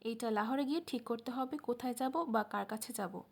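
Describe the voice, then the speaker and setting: A woman's voice: fairly high pitch, brisk, gravelly. A woman voicing a tearful young woman who gives short, firm replies.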